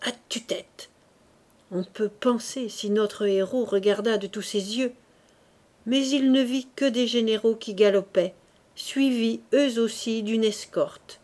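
A woman's voice: a little high, a little slow, darkish tone. Woman narrating an audiobook. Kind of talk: scripted narration of a classic novel.

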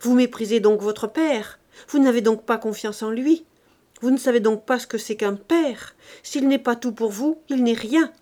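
A woman's voice: fairly high pitch, lively intonation, unhurried, mellow. A woman voicing an old miserly father, coaxing and then hectoring, in an audiobook reading. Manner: wheedling then hectoring, emphatic.

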